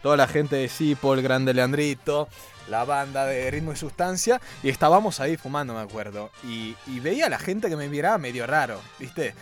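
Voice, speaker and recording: An Italian man hosting a podcast in Spanish, chatting in a relaxed, rambling way with an Italian accent and Argentine turns of phrase. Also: medium pitch, normal speed, soft background music. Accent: Italian speaking Argentine Spanish. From Italy. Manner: relaxed, rambling, laughs easily. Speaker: podcast host. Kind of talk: casual interview chat.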